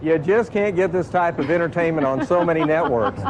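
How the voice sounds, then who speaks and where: A man's voice: fairly high pitch, fairly quick, poor audio. A man presenting live television on location in a chatty style. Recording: outdoor broadcast with crowd bustle.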